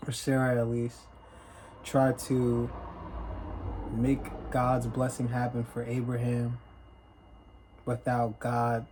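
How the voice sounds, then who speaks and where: A man casually retelling a Bible story as a sermon, in plain everyday speech and clearing his throat now and then. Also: medium pitch, a little mellow, a little hiss or hum, rough recording. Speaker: preacher.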